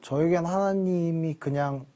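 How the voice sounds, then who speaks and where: A man in his thirties, a company founder, speaking as a guest on a faith talk show in a quick, earnest, humble way. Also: a little high, dark tone. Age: 30s. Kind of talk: testimony talk show chat.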